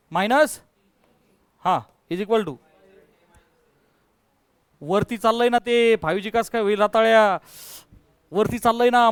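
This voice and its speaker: A man teaching physics to a class, coaxing his students to answer louder and quizzing them step by step. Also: high voice, no echo. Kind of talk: classroom lecture.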